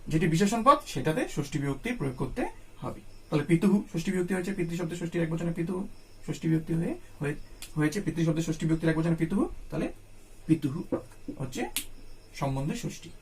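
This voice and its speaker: This Sanskrit teacher, speaking with a Bengali accent, has a high-pitched, slightly mellow voice. In his grammar lesson he repeats each point with patience and raises questions he then answers himself.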